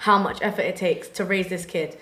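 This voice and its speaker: A woman's voice: lowish voice, a little fast. Blunt young woman, echoey room. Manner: animated, blunt, with London slang. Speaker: podcast co-host or guest. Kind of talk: casual podcast chat. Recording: roomy echo.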